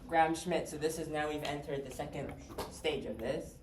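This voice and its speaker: A man's voice: on the high side, fairly even intonation, normal speed. Guy teaching a math class, keeps quizzing students, far off mic in a big echoey room. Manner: conversational, asks the class questions. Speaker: math lecturer. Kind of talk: classroom lecture. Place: lecture hall. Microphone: distant room mic. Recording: roomy, distant, faint hiss.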